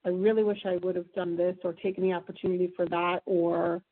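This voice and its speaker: A woman conducting a casual phone interview, rambling through halting questions on a narrow phone line. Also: lowish voice, level tone.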